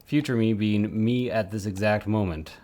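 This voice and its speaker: A man's voice: lowish voice, steady tone, normal speed, a little mellow. A man chatting casually on a live stream while he works, rambling with self-mocking asides. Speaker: streamer supporting 3D print models.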